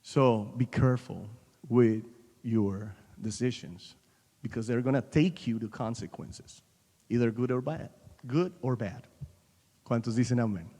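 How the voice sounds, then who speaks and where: A man preaching a sermon as pastor, animated and rising to loud peaks, sometimes mixing in English. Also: mid-range voice, takes it slowly, in a large hall.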